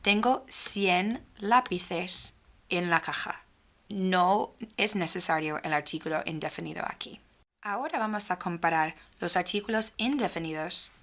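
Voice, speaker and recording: A woman teaching a grammar lesson, speaking slowly and clearly and drawing out the example sentences. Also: mid-range voice, a bit bright. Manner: slow, clearly spaced speech with stretched example phrases. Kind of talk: slow, careful grammar lesson.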